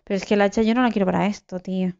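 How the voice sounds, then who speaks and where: A young woman from giving live gameplay commentary, excitable, swearing and talking to her viewers. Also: mid-range voice, racing, gravelly, muffled recording. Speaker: gaming YouTuber.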